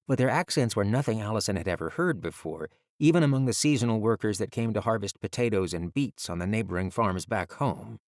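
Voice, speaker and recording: A man reading a fantasy audiobook as narrator, in a measured, even storytelling delivery. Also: on the low side, dry recording, studio quality.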